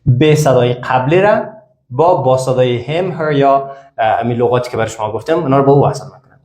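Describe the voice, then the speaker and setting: A man's voice: medium pitch, a little mellow, echoey room. A man teaching English to a class, explaining step by step and repeating each example phrase several times. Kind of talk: classroom language lesson.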